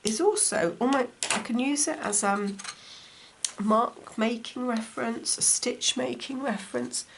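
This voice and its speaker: Demonstrating stitching at home in a relaxed craft tutorial, a textile crafts teacher chats as she works. Her fairly high voice is croaky and slightly gravelly from a cold, and she keeps a measured pace. There's a faint hum from a dishwasher running nearby.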